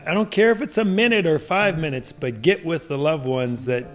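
A man's voice: on the high side, normal speed, a bit bright, soft background music. A middle-aged man co-hosting a devotional podcast with his wife, talking earnestly, laughing often and reading scripture aloud. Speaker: podcast co-host. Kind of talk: devotional casual chat.

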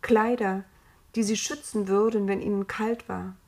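A woman narrating a children's story in a calm, expressive storytelling manner. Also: medium pitch, a little slow.

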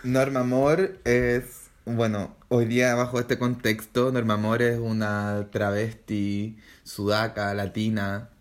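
Low-voiced Chilean drag artist, thoughtful. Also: male voice, level tone. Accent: Chilean Spanish. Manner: thoughtful, pauses often to search for words. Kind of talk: casual podcast interview.

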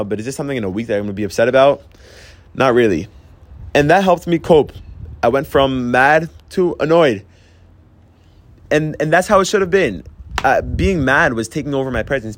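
A young man hosts a reflective talk, earnestly sharing personal advice about handling emotions through his own stories. He restarts often and says "I'm like" a lot. His voice is mid-range and brisk, and the recording is dry.

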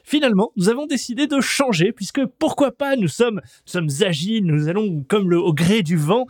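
A man's voice: high voice, moderate pace, no echo, clean studio sound. A man hosting a casual podcast chat, joking and announcing the topics. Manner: jokey, leads the show, announces topics. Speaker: podcast host.

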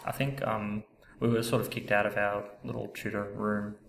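Male podcast co-host, gravelly creak, rambling casual chat, roomy echo and faint noise. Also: on the low side, flat delivery, normal speed, a bit bright. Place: echoey university room. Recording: echoey room with background noise.

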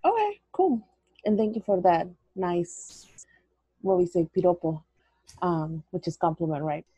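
A woman, her voice low and mellow with a husky edge. She tells her story earnestly as an interview guest. The audio is dull and dry. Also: expressive, a little slow, no room sound. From El Salvador. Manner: earnest, storytelling, drops in Spanish words. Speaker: guest, educator. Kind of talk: interview conversation.

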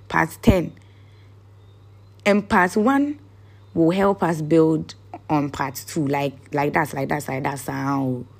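Woman vlogger, unhurried and gravelly, casual and searching. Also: low-pitched. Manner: rambling, searching for words. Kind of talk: casual motivational talk.

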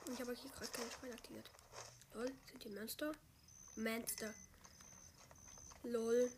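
A woman giving casual gameplay commentary, chatting along, swinging between loud outbursts and quiet mutters. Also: on the high side, steady tone, measured pace, slight background noise. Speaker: gamer.

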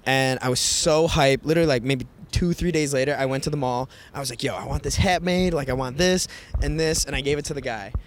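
A man's voice: mid-range voice, quick pace, hardly any pauses. A young man co-hosting a podcast, telling loose stories full of "like" and "yo" and laughing often. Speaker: podcast co-host. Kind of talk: casual chat.

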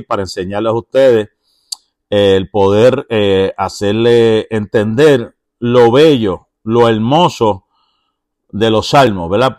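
Man, Bible study teacher, slow delivery, mid pitch, checks in with listeners, dry sound. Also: dry recording. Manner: unhurried, checks in with listeners through tag questions; blesses those present by name.

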